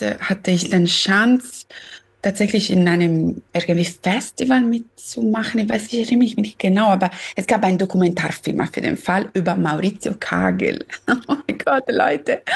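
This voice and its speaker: Gravelly, husky Italian woman on a video call. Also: mid-range voice. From Sicily, Italy. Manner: hesitant, searching for words, laughs often. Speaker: guest pianist. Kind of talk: casual interview on video call. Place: her home. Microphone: video call from home.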